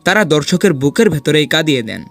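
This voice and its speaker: A man narrating a ranked countdown as a scripted voice-over, with a high-pitched voice and a brisk, rushing pace. His delivery is dramatic and persuasive, and soft music plays underneath. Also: very animated, vocal fry. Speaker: host of a film ranking video.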